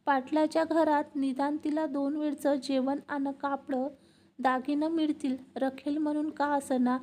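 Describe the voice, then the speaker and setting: A woman's voice: high-pitched, flat delivery, unhurried, a little mellow. A woman voicing a weary, grieving female tamasha dancer who pleads in rural village speech. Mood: bitter.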